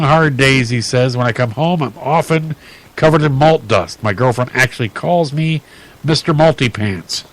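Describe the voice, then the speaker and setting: A male radio host working through offbeat news items at an easy, chatty clip. He stumbles and restarts often, filling gaps with ums and uhs, and his voice sits at an ordinary middle pitch. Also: rough recording. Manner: chatty, halting with many fillers and restarts. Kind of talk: reading odd news stories on radio.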